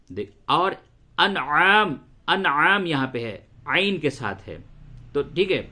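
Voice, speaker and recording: A man gives a tajweed lesson in a high, bright voice. He breaks off his explanations to recite verses in slow, drawn-out tones. He repeats single sounds over and over so listeners can practise them. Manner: addresses listeners as brother, repeats sounds for drilling. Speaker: Quran teacher.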